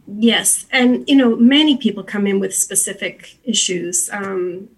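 Female sound-healer guest, husky with vocal fry, gently instructive, somewhat halting. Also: mid-range voice, poor audio. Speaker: interview guest, sound healer and Reiki practitioner. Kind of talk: unscripted interview, explaining and giving gentle guidance.

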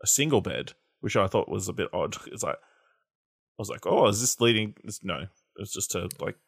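A man co-hosting a casual podcast chat, relaxed and low-key with dry humour. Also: normal speed, creaky, slightly rough, dry recording. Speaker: podcast co-host.

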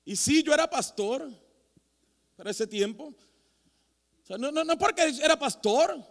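A man preaching as a pastor, telling animated, self-mocking stories with many restarts. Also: very high-pitched, measured pace. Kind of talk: storytelling sermon. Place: church sanctuary. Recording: long hall reverb in a church.

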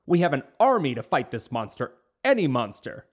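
A man's voice: mid-range voice, sing-song, normal speed. A man doing a roaring angry king. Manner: loud, roaring. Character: angry protective king, commanding.

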